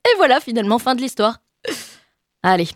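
A young woman delivering a comic chronicle in a chatty, self-mocking way, full of quick asides to her listeners. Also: fairly high pitch, very animated, dry recording, clean studio sound. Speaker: radio columnist. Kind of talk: comic monologue column.

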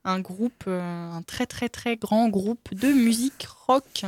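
A woman's voice: medium pitch, slow, background noise. A young woman hosting a live student radio show, chatting along with fillers and little laughs.

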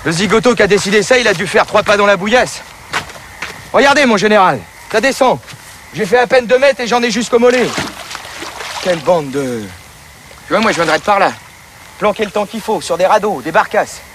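An actor playing a brash, mocking frontline officer in film dialogue, blunt and slangy. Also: male voice, sits high, animated, a little fast, long pauses, noisy background.

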